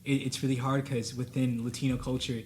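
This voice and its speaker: A man's voice: mid-range voice, little pitch movement, fairly quick, darkish tone, slight background noise. A young man whose first language is Spanish, speaking earnestly and reflectively in a casual student discussion, with many fillers. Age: young adult. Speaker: student panelist.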